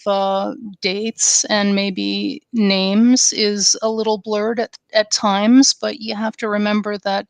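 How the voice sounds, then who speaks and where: A woman co-hosting a casual podcast speaks earnestly but haltingly, filling gaps with frequent ums. Her voice is smooth and clear though fairly flat in pitch, recorded dry and close to the mic with no room sound.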